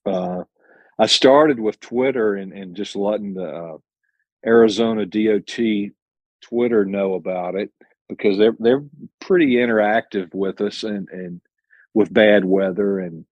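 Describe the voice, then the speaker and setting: An owner-operator truck driver, a man who drives his own rig, answers interview questions as a guest in a plainspoken, earnest manner, restarting and correcting himself a lot. His voice is on the low side, a little slow and a little mellow. The recording is lo-fi, with no room sound.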